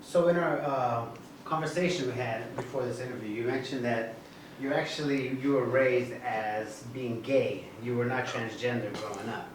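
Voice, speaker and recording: A man's voice: mid-range voice, moderate pace. Man interviewing from a distance, roomy sound. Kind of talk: casual interview. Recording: roomy, distant mic, faint noise.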